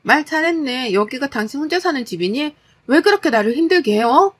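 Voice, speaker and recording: A woman voicing an exhausted, fed-up young working wife, scolding in a sharp, exasperated way. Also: high voice, lively intonation, brisk, pitched above the performer's own voice. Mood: angry.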